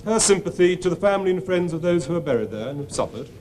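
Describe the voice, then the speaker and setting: A man's voice: high-pitched, lively intonation, quick pace, background noise. A man putting a formal question as a member of parliament. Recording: crowded chamber hubbub.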